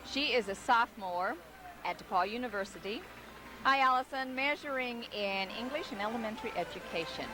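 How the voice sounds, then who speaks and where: A woman's voice: a little high, animated, a little fast, bright, forceful tone, slight background noise, rough recording. An American woman co-hosting a live parade broadcast as commentator, mixing scripted copy with chat. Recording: outdoor street broadcast, music behind.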